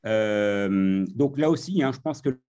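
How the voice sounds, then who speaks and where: Man moderating, mellow tone, relaxed, hesitant, lots of fillers. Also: fairly low pitch, slow pace, clear, resonant tone. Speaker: host of the master class. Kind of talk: moderating a talk.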